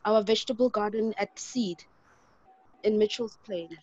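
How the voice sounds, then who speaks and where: A woman's voice: medium pitch, a little slow, darkish tone, dry recording. Polite woman on a muffled call. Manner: polite, eager, a bit hesitant. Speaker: workshop participant. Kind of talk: casual chat on a video call.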